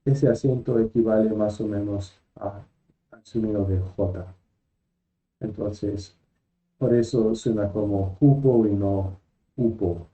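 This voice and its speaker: A man's voice: lowish voice, fairly even intonation, slow, mellow, low-quality recording. A man teaching a lesson, patiently naming each letter and repeating every example word. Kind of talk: slow lesson, spelling out letters and sounds.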